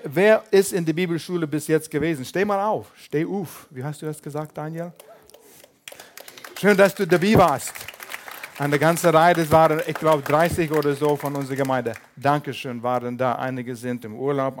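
An older male pastor delivering a sermon in a slightly high voice. He talks in a lively, joking way, with small slips in his grammar.

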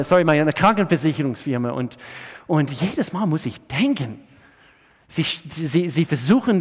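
Man preaching in a reverberant hall. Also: a little high. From USA. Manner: swings between loud emphatic preaching and soft hushed asides; halting, with frequent restarts. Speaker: pastor. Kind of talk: sermon.

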